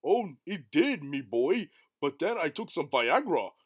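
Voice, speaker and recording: A man's voice: fairly high pitch, very animated, measured pace. A man voicing a dopey, cheerful cartoon dog who rambles through silly stories. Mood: rambling.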